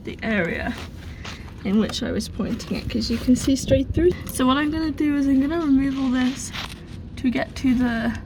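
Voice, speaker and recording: A chatty, upbeat woman with a high voice talks through her renovation work in a casual vlog. She sounds like she is in the middle of a hands-on job. A faint hum of ambient noise sits behind her. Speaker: vlogger converting a bus.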